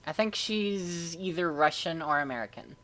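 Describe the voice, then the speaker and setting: A woman's voice: lowish voice, normal speed, fairly bright tone. A woman co-hosting a comedic reading of fan fiction, with dry, mocking commentary.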